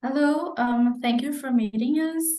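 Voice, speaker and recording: A young woman from Brazil speaks slowly and carefully in a fairly high voice. She is a student leading an interview. The room around her sounds echoey. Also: warm tone.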